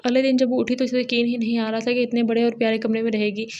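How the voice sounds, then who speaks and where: Woman narrator for a romance audio novel, even tone, plain steady read. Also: a little high, quick pace, lo-fi sound.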